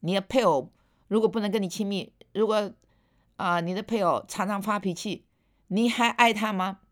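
A woman preacher giving a sermon, earnest and pressing her listeners with pointed rhetorical questions, sometimes dropping to a soft, quiet voice. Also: mid-range voice, moderate pace.

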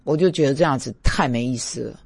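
A man's voice: medium pitch, fast talker, gravelly, a little mellow, husky, dry recording. Impassioned man, stammering plaintively. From Taiwan. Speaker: pastor. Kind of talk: emotional devotional talk.

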